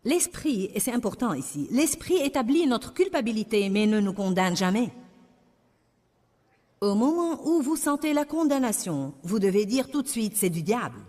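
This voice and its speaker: A woman's voice: on the high side, big pitch swings, moderate pace, a little mellow, big-room sound. A woman preaching a sermon in a French voice-over, with emphatic, repetitive declarations.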